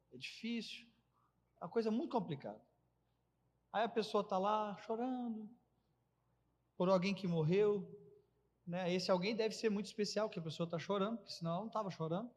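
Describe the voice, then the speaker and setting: Male pastor, folksy animated preacher, unusually high voice, reverberant church. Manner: folksy, animated storytelling with acted-out quotes. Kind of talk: sermon.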